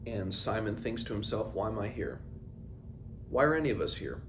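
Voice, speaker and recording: A low-voiced man hosts a read-along, reading passages from a book and commenting on it informally, his phrasing coming in hesitant starts and stops. He is very animated and speaks at a moderate pace, and the recording has clearly noisy background ambience.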